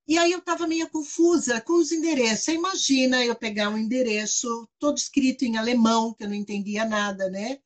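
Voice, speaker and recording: A high-voiced Brazilian woman with a Brazilian Portuguese accent tells a story in casual conversation. She is animated and chatty, often tags her sentences and laughs between them. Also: a little fast, few pauses. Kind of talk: casual chat.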